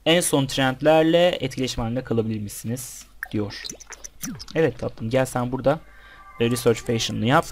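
A young man talks through his gameplay in a casual way, addressing the characters on screen and his viewers by turns. His pitch sits in an ordinary middle range. A faint noise and some clicking run under the recording. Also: normal speed. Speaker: gameplay commentator. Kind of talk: casual let's-play commentary.

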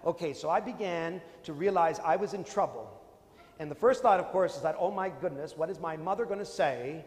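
A man preaching in a big convention hall, telling a story with comic flair, his voice rising loud and then dropping low. His voice sits fairly high, and a long reverb trails every phrase. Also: brisk. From Canada. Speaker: priest. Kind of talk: sermon with humorous storytelling.

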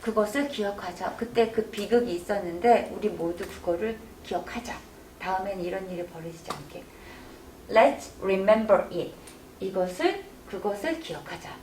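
A woman teaching English to older students, slowly drawing out and exaggerating example phrases. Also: medium pitch, expressive, a little mellow, a little hiss or hum. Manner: drawn-out, exaggerated English drills. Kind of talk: classroom lesson. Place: senior welfare center classroom. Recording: echoey room, distant mic.

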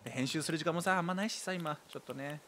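A man's voice: fairly high pitch, very fast, bright, forceful tone, a little hiss or hum. A man streaming a game live, chatting casually and rambling to himself and his viewers. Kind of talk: casual live-stream chat while playing. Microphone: desk microphone.

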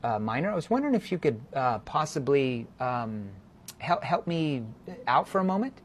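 A man's voice: a little high, big pitch swings, slight background noise. A man giving sales training in a played clip, acting out phone calls to show what to say. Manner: demonstrative, acts out phone calls.

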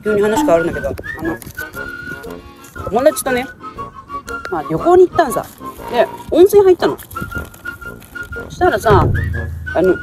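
Female vlogger, casual outdoor chat, animated intonation, music in the background. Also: mid-range voice. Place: outdoors, street and grassy riverbank. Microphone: phone or camera at short distance.

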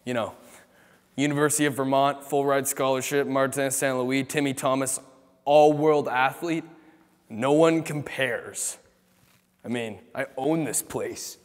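A man's voice: mid-range voice, steady tone, measured pace, long reverb tail, lightly acted. A young man doing a comic teacher impression of a cocky, boastful gym teacher, smug and drawing out his words. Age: young adult.

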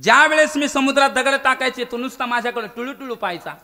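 A man's voice: extremely high pitch, quick pace, bright, forceful tone, pitched above the performer's own voice, full character voice. A preacher voicing a small female squirrel who makes pleading, earnest appeals. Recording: echoey hall with instrument music.

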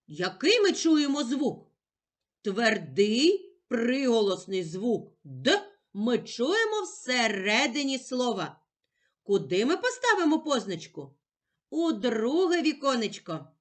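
A Ukrainian-accented teacher, a woman with a fairly high and very animated voice, guides young children through a reading lesson. She speaks slowly and distinctly, elongates the sounds, and patiently asks questions only to answer them herself.

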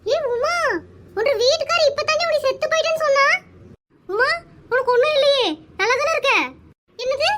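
Woman voicing a shrill scolding village wife. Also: very noisy. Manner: shrill, nagging, quick to scold. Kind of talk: animated cartoon dialogue.

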